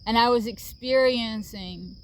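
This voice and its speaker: This woman's voice sits a little high and moves unhurriedly, with slight background noise and crickets faintly audible outdoors. Middle-aged and speaking casually to camera, she reflects earnestly on her healing journey, often filling pauses and laughing softly.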